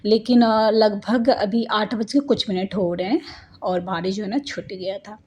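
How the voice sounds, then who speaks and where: A woman's voice: mid-range voice, steady tone, measured pace, darkish tone, husky. A woman in her thirties from India, narrating her family vlog in a chatty, rambling way full of homely asides. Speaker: family vlogger, mother.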